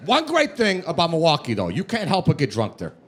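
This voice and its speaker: Animated man with a thick Chicago accent. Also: on the high side, a little fast. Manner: brash, streetwise, profane. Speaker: stand-up comedian. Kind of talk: stand-up comedy. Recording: noisy live comedy room.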